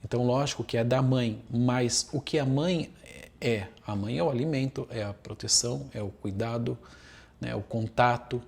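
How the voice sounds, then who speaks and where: A man talks as a therapist, laying out his ideas one step at a time. His voice sits at an ordinary middle pitch. He keeps checking that the listener follows and repeats words to drive a point home. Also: moderate pace, gravelly, darkish tone. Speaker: family constellation therapist. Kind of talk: explanatory talk to camera.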